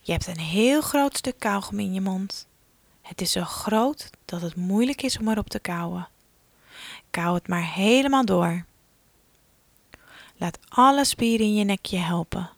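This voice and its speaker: Slow, soothing woman guiding relaxation. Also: mid-range voice, creaky, no echo. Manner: slow, soothing instructions, often dropping to a soft whisper. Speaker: relaxation guide for children. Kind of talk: guided relaxation exercise.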